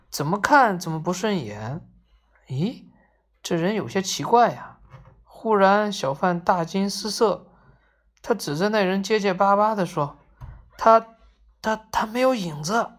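A woman with a mid-range voice reads a children's story aloud, gentle and expressive as a storyteller.

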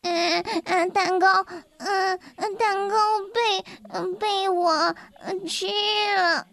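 A woman's voice: extremely high pitch, steady tone, takes it slowly, fairly bright tone, exaggerated voice. A woman voicing a timid little male lamb who stammers and sounds tearful, in a children's storybook reading. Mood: sobbing.

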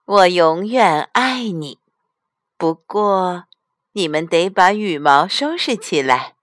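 A woman's voice: lowish voice, lively intonation, slow, dry recording, clean studio sound. Woman doing a reassuring mother bear. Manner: warm, reassuring. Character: patient loving mother bear.

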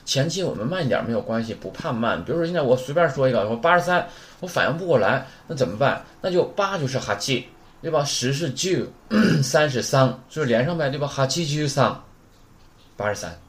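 Casual male language teacher, lively and talkative, drills numbers and keeps asking "right?". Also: medium pitch, fairly quick. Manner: chatty, repeats numbers aloud, asks rhetorical questions. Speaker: Japanese teacher. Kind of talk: casual spoken lesson.

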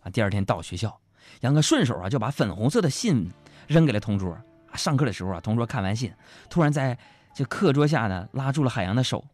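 A man, hosting and reading listener jokes in a chatty way with drawn-out fillers. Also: medium pitch, sing-song, darkish tone, soft background music. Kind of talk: comic joke reading.

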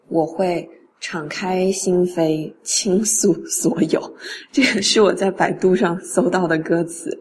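A woman with a lowish voice leads a laid-back English pronunciation lesson. She says English phrases slowly, then explains them in Mandarin, over slight background noise.

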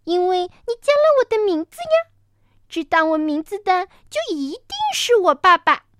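A woman voicing a small, trusting baby ankylosaurus in a storybook tale, speaking in a high, childlike way. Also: expressive, moderate pace, dry recording. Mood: eager. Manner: high bright childlike calling. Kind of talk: storytelling performance.

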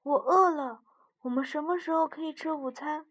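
A woman voicing a small, excitable young male frog in a storybook, eager and pleading, turning whiny when tired. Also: sits high, normal speed, lo-fi sound, voice pushed up, natural voice.

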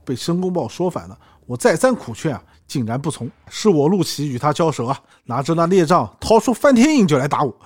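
A man's voice: on the high side, big pitch swings, a little fast, hardly any pauses, breathy edge, dry recording, clean studio sound. A man reading the lines of a stern old immortal teacher who scolds his pupil. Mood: grumbling. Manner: scolding, admonishing.

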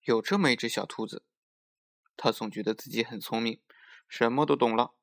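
A man narrating a children's story in an expressive, lively way. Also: medium pitch, moderate pace.

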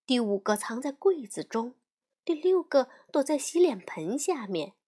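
A woman storyteller host narrating a fairy tale as a gentle bedtime story for children. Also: high-pitched, very animated, unhurried. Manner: gentle, addresses child listener.

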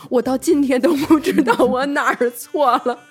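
A woman's voice: high voice, moderate pace, faint music behind. A young woman co-hosting a casual chat podcast, telling personal stories animatedly with frequent laughter. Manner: animated storytelling, laughs often. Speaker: podcast co-host.

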